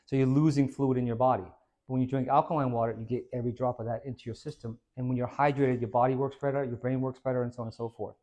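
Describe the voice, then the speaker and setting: A man who is a fitness trainer, giving an informal, energetic talk to a small audience. He quizzes the listeners and tags many points with "right?". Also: mid-range voice, quick pace. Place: hair and skin salon, indoors.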